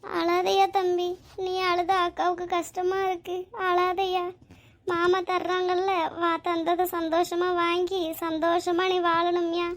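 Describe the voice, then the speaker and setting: A high-voiced, motherly elder sister in a cartoon, voiced by a woman. She speaks in an affectionate, pleading, emotional way. Her pitch is high but stays in a narrow band. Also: completely flat delivery, a little slow. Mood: tearful, loving. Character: loving elder sister and wife, motherly and tearful. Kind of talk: Tamil cartoon drama voice acting.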